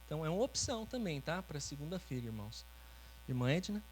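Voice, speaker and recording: A man's voice: a little high, sing-song, quick pace, rough recording. A man preaching as pastor, teaching in a conversational way and often checking in with his listeners. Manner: conversational, often ends phrases with "né?". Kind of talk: teaching sermon with congregation interaction. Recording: faint mains hum.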